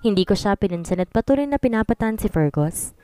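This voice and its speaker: A woman's voice: mid-range voice, lively intonation, quick pace, mellow, no room sound. A woman narrating a dramatic first-person story in a scripted style, switching between Tagalog and English.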